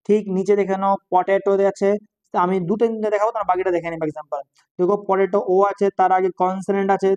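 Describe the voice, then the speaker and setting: Mellow-voiced teacher quizzing students. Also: mid-range voice. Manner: repeats points as quiz questions to students; mixes English terms into Bengali explanation. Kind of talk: casual online grammar lesson. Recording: dull lo-fi recording.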